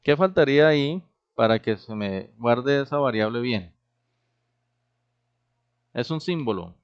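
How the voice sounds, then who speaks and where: A man's voice: medium pitch, expressive, measured pace, smooth. A man teaching a programming class, explaining step by step and often checking that the students follow. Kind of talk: classroom lecture. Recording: dull, lo-fi recorded class.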